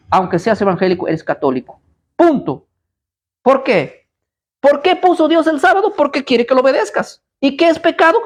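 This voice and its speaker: A man's voice: very high-pitched, a little mellow. A man preaching at a live Bible study, combative and blunt, firing rhetorical questions at his listeners.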